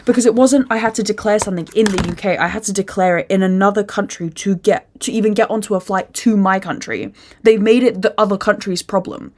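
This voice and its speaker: A young woman hosting a casual podcast, telling a rambling, animated story full of swearing and acting out other people's voices. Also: mid-range voice, fairly quick. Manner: acts out other people's lines in put-on voices. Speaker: podcast host.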